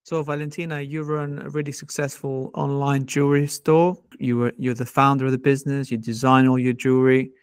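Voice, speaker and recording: A man's voice: medium pitch, flat delivery, fairly quick, few pauses, clean tone, no room sound, studio quality. A man hosting a podcast, friendly as he asks his guest long questions. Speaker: podcast host. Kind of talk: interview host.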